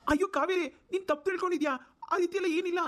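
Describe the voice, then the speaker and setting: Woman doing a rapid-fire flustered cartoon husband, dry close sound, pleading. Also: extremely high pitch, fairly even intonation, a bit bright, dry recording. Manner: pleading, exasperated. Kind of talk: cartoon voice acting.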